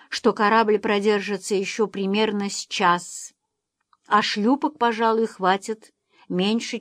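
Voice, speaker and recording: A woman's voice: mid-range voice, no echo. Woman narrating a novel, dry close sound. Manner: measured, expressive reading. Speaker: audiobook narrator. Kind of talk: scripted narration.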